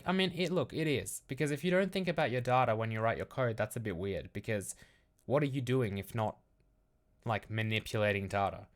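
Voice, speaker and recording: A man's voice: lowish voice, clean tone. A young man chatting casually on a live stream, answering chat questions in a rambling, frank way full of fillers.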